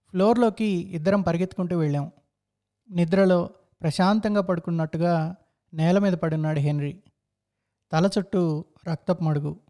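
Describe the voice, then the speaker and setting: Guy telling a story, thoughtful and inward-looking, warm mellow voice. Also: sits high. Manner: reflective, introspective. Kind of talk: story narration.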